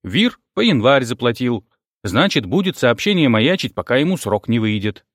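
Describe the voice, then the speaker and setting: A man's voice: medium pitch, sing-song, moderate pace, fairly bright tone, no echo, studio quality. A man reading an audiobook, voicing a stout, blunt middle-aged building manager who grumbles. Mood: gruff. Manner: gruff, unbothered and grumbling.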